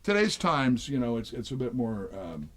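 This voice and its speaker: An older man, a session drummer, telling rambling stories in a relaxed interview, with many fillers and restarts. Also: mid-range voice, normal speed. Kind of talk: storytelling interview chat.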